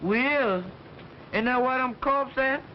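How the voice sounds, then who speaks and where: A nervous, reluctant servant, the comic relief of a 1930s film. His voice is very high for a man. The recording is muffled and faintly noisy. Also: measured pace. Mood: nervous, evasive. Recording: muffled old film soundtrack.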